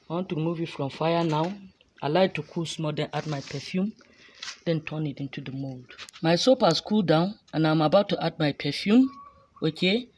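A woman's voice: low voice, darkish tone. A woman giving a casual, chatty step-by-step demonstration in an indoor workspace, filmed on a phone held over her hands. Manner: slow, chatty step-by-step explaining. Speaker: soap-making instructor. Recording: noisy phone recording.

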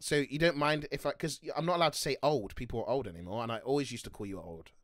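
A man in his twenties hosting a stream, teasing and loud, laughing often in casual banter. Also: medium pitch, fast talker, no echo, clean studio sound. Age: 20s. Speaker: streamer host. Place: small room at home.

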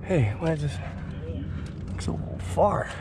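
A young man muttering halting, slangy commentary to himself as he exerts himself rock climbing outdoors. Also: fairly high pitch, animated. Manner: halting, talking to himself in short slangy phrases. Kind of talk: casual muttered self-commentary while climbing. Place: outdoors on a rock cliff face. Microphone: body-worn action camera. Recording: clear outdoor noise on action camera.

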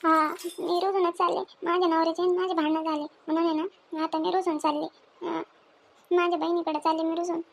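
A woman, acting as a sharp-tongued, fearless village woman in an amateur family skit, scolding and teasing in quick speech. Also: very high voice, level tone, gravelly, a little hiss or hum. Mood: defiant.

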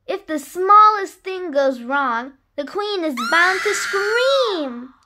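A woman's voice: very high voice, sing-song, takes it slowly, background noise, exaggerated voice. A woman reading as a fretful weevil butler. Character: anxious male weevil, head of the servants.

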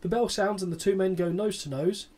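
A podcast co-host in his thirties, his voice a little high for a man, briskly reads out a match recap on a casual podcast. He keeps a deadpan tone, swears freely and breaks off for sarcastic asides.

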